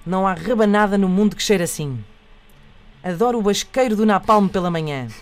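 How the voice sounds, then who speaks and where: A man's voice: high voice, brisk. A man with a European Portuguese accent hosting a comic radio quiz, playful and mock-theatrical. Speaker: radio show host.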